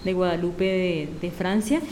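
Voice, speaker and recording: A woman's voice: on the low side, steady tone, unhurried, roomy sound, a little hiss or hum. A woman hosting a live radio program, greeting listeners and summing up the conversation. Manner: warm greetings, reads listener messages. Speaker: radio host.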